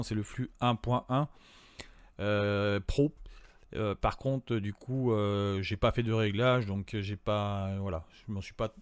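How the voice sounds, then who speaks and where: A man's voice: on the low side, clear, resonant tone, no room sound, clean studio sound. A man giving a casual screen-recorded tutorial, talking to viewers in a chatty, hesitant way. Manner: hesitant, many fillers and restarts; chatty, addresses viewers directly. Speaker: tutorial presenter.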